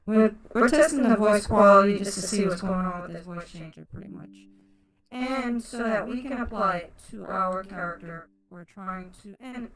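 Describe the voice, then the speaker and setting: A man's voice morphed by voice-changer software into a female-sounding voice, reading a casual test line for a software tutorial. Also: high-pitched, pitched above the performer's own voice, rough recording. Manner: reads a test line then chats about the test. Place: home computer setup.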